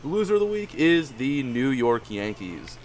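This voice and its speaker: A man's voice: medium pitch, big pitch swings, moderate pace, a little mellow, a little hiss or hum. A young man hosting a casual sports podcast, upbeat and steering the segments, often repeating words. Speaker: podcast host.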